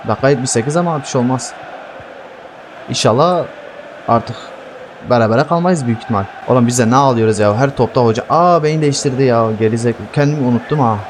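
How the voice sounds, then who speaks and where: Man, gameplay commentary, excitable, swears a lot, game noise in the background. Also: mid-range voice, fast talker. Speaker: gaming YouTuber playing football career mode.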